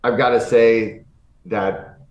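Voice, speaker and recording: A man's voice: medium pitch, fairly even intonation, slow pace. A man from the Midwest hosting a group breathwork call, upbeat and enthusiastic, hesitant while sorting out plans. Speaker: session host. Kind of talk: casual group video call chat. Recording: roomy sound with faint background noise.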